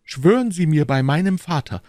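A man's voice: on the high side, expressive, moderate pace, warm tone, no room sound, clean studio sound, pitched above the performer's own voice, lightly acted. A man voicing an anxious, hesitant king who speaks in a raised, fretful way. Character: anxious, hesitant male king, uneasy ruler.

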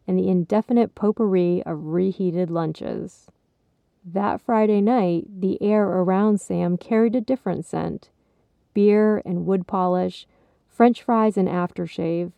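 A woman narrating her own written story in a slow, measured way. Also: medium pitch, gravelly, dry recording. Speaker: author and storyteller. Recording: slightly dull recording.

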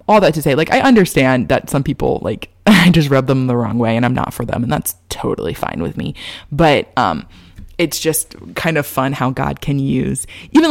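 A woman's voice: a bass voice, dry recording, studio quality. A woman with an American valley girl accent and manner, talking casually and confessionally to her online viewers about faith, peppering her sentences with "like".

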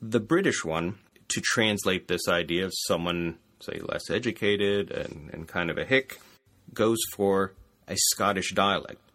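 Man, very low voice, classics scholar, relaxed interview talk, trails off quietly at phrase ends. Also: a little slow. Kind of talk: conversational interview.

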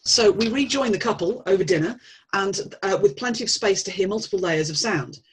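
A woman's voice: medium pitch, brisk, a little hiss or hum, low-quality recording. A woman presenting a scripted analysis in an analytical manner.

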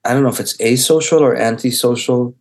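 A middle-aged photographer, born in Israel with Hebrew as his first language, gives an interview in a reflective, halting way, frequently restarting and groping for words. His voice is mid-range and a little mellow.

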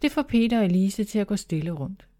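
Woman narrator for a children's story, calm and clear, mellow voice. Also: medium pitch.

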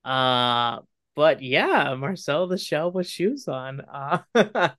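A man co-hosting a podcast, chatting casually about a film in a rambling, halting way with many fillers and restarts. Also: on the high side, animated, fairly bright tone, no room sound, clean studio sound. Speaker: podcast co-host.

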